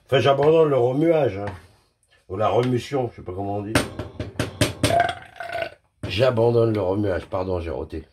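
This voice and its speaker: Against a noisy background, a home cook vlogger speaks at a moderate pace in a voice on the low side, leaving long pauses. Working in his kitchen, he talks directly to the viewer, mocks his own mistakes, and swears freely and crudely.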